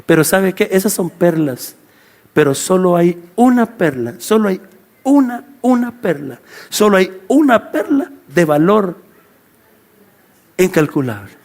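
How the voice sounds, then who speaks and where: A Guatemalan man preaching a lively sermon in a high, gravelly voice. He calls out to the congregation and acts out the people he quotes, shifting his voice up and down as he goes. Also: unhurried. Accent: Guatemalan Spanish. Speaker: pastor.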